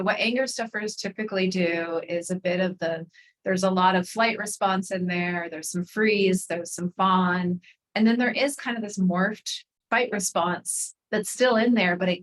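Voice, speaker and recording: A woman speaking as a podcast guest, explaining her coaching work in a reflective, earnest and gently enthusiastic way. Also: medium pitch, rough recording. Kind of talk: conversational interview.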